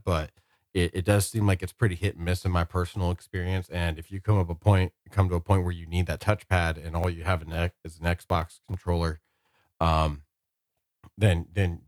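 A man's voice: deep voice, flat delivery, normal speed, darkish tone, no echo, studio quality. A man co-hosting a casual podcast, explaining things in a wordy way and rephrasing as he goes. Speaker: podcast co-host.

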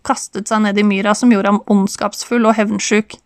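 A woman narrates an audiobook in a calm, measured way. Her voice sits at a middle pitch, and the recording is close and dry, with no room sound. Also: no echo. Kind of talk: scripted narration.

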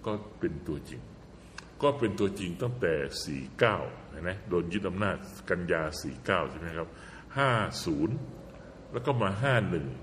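A man talking casually as a guest commentator, telling an animated story and repeating words for emphasis. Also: deep voice, normal speed, a little hiss or hum. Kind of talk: casual political talk. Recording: reverberant room, faint background ambience.

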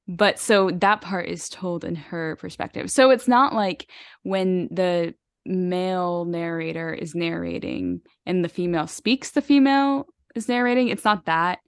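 Low-voiced woman gushing about books. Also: a little slow, smooth, no room sound, studio quality. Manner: enthusiastic, rambling, frequent fillers and laughs. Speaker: podcast co-host. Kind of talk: casual book chat.

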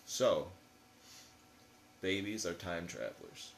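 This man in his late twenties is a podcast guest in casual chat, rambling in slangy, profane language. His voice sits low and gravelly, sing-song and slow, with slight background noise.

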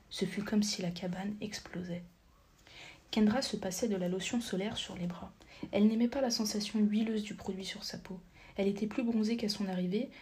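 Mellow-voiced woman reading a storybook. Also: mid-range voice. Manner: steady reading, drops to a soft near-whisper at times, corrects small slips. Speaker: audiobook narrator. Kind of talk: scripted narration.

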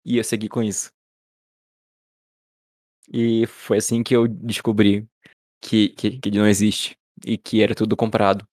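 A man's voice: lowish voice, a little mellow, no room sound, clean studio sound. A man with a Brazilian Portuguese accent, co-hosting a podcast in casual chat and often stumbling and restarting his words. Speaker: podcast co-host.

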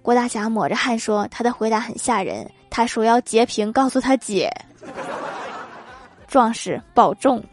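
A woman's voice: fairly high pitch, animated, unhurried. A woman hosting a comedy segment, reading funny everyday anecdotes and laughing at her own punchlines. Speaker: host.

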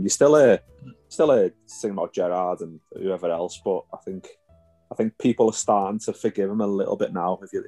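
A man's voice: low-pitched, dark tone. A man from Liverpool with a Scouse accent, chatting casually as a football podcast panellist. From Liverpool, England. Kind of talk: casual chat.

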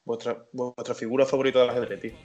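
Excitable fast-talking man on a dull mic. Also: medium pitch, faint music behind. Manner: excitable, stumbling over words. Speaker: podcast co-host. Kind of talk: casual chat.

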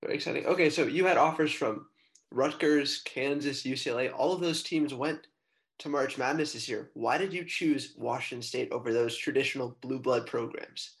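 A man's voice: mid-range voice, normal speed. A man with an American accent asking questions as the host of a casual interview podcast. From San Francisco, United States.

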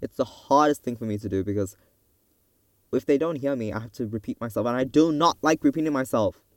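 A soft-spoken young male student hosting a casual ranting podcast monologue at home, rambling and restarting his sentences. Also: mid-range voice, fairly quick, no room sound. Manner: rambling and self-interrupting, with frequent restarts. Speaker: podcast host. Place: closet at home.

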